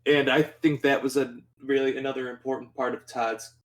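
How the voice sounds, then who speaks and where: A young man co-hosting a podcast in casual chat, talking excitedly, rambling with lots of fillers and swearing freely. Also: mid-range voice, a little fast. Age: young adult. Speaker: podcast co-host.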